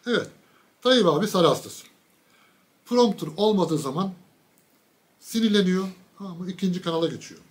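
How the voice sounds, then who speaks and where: A man giving a casual political monologue, mocking and ranting, with sudden loud bursts and low asides. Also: lively intonation, moderate pace, pauses often. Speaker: political commentator.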